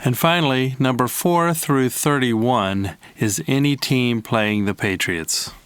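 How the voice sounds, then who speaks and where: A man from Ohio co-hosting a casual podcast, trading dry, teasing one-liners. His voice is smooth and resonant, recorded close and dry, and he speaks at a middle pitch. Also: slow, fairly bright tone, no room sound. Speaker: podcast co-host, musician. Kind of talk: casual chat.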